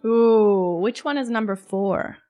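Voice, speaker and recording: Higher-voiced woman podcast co-host. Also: moderate pace. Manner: curious, friendly questioning. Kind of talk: scripted educational podcast dialogue.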